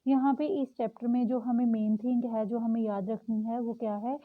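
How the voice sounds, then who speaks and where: A young woman teaching a lesson, patiently repeating example words slowly. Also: on the high side, steady tone. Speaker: English teacher. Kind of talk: explaining a lesson. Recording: tinny phone-like audio.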